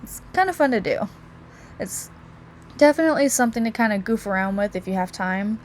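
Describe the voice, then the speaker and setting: A woman's voice: medium pitch, animated, a little fast, a little hiss or hum. A young woman giving a student presentation for a class, casual and full of fillers and restarts. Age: young adult. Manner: casual, with many likes and restarts.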